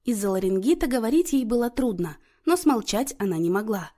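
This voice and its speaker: A woman narrating a novel aloud, expressive and animated, her voice rising and falling widely. Her pitch sits a little high for a woman. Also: a little fast. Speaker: audiobook narrator.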